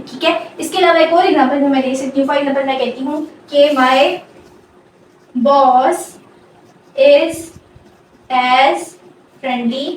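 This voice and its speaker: A high-pitched woman gives a grammar lecture, pausing often to make sure she is understood. The mic is far from her, the room is very echoey, and a faint hum lingers in the background.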